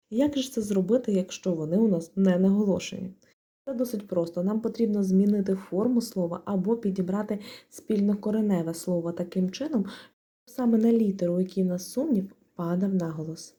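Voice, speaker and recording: A woman with a Ukrainian accent gives a methodical grammar lesson, calmly spelling out rules and leaning on each example word. Her voice is very dark and mellow, with a slightly husky edge. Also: mid-range voice. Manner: calm, methodical, stresses example words. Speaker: language teacher.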